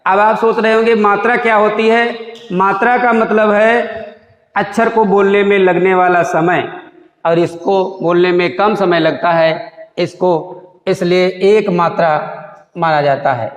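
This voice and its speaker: A man's voice: high voice, a little slow. A man teaching Hindi grammar, explaining vowel sounds and demonstrating each one aloud in a repetitive, explanatory way, recorded in an echoey room with long reverb.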